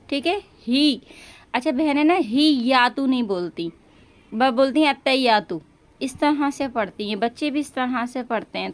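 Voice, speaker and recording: A woman giving a step-by-step religious lesson, speaking patiently and stretching words out to show how they should be pronounced. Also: high voice. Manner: slow and patient, drawing out words to demonstrate pronunciation. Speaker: religious teacher.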